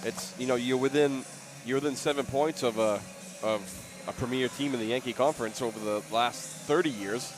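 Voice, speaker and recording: A coach sits in as guest commentator courtside at a college game. He speaks in a mid-range man's voice, halting and restarting as he looks for the right words. Clear music fills the background. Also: mid-range voice, poor audio. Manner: halting, repeating words as he searches.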